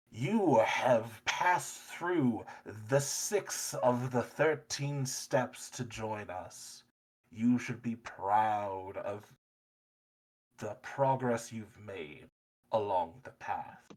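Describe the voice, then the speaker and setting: A man's voice: mid-range voice, darkish tone. A man voicing a solemn, disembodied voice that echoes through the walls of an ancient tower. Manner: slow, grand, echoing through walls.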